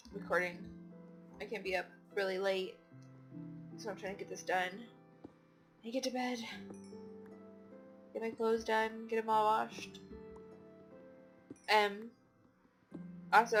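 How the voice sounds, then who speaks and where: A tired woman casually commenting on her game play, rambling with many fillers and restarts. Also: mid-range voice. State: tired, yawning. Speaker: gaming channel host.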